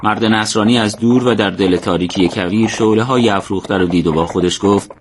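Male narrator for an audio adventure story, lowish voice, steady and colloquial. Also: slight background noise.

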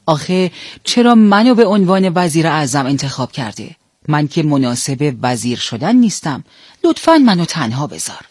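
A man's voice: fairly high pitch, very animated, darkish tone, no room sound, studio quality. A man voicing a timid, naive male donkey who sounds fearful and pleading.

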